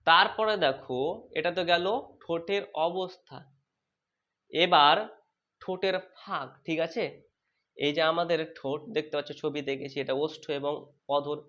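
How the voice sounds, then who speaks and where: A man teaching a lesson, who asks questions and then answers them himself, repeats terms slowly and corrects his own slips aloud. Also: a little high, steady tone, sharp tone. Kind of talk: exam-prep lesson on vowel sounds. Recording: dull lo-fi sound.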